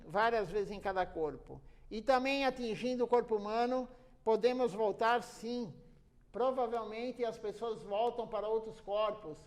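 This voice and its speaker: A high-pitched man delivers a temple sermon. He speaks earnestly and hammers home points by repeating them. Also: a little mellow. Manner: earnest, repetitive emphasis. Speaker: preacher.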